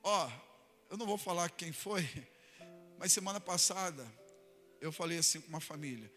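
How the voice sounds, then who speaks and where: Bright high-voiced Brazilian pastor preaching. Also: male voice, moderate pace, big-room sound, faint music behind. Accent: Brazilian Portuguese. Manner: animated preaching with acted everyday examples. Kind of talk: sermon. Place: church hall.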